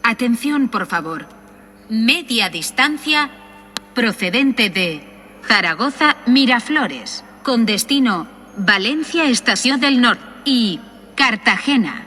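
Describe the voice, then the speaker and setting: A woman giving measured, formal train announcements over a station PA system. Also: a little high, animated, pushed and bright.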